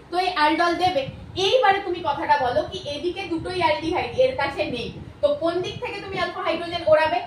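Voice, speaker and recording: A high-pitched woman with a Bengali accent explains chemistry step by step, firing off questions and answering them herself. Her voice comes from a little away from the mic in an echoey room, with a faint hiss of ambience behind her. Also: far from the mic. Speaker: chemistry teacher. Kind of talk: video lecture.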